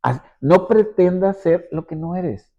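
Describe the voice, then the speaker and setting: A man's voice: high-pitched, expressive, takes it slowly. A man pastor preaching a sermon with an emphatic, repetitive cadence. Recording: dull lo-fi recording.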